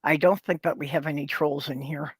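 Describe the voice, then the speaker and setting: A co-host in a casual livestream chat, relaxed and joking. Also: medium pitch, brisk, slightly rough, no room sound, studio quality.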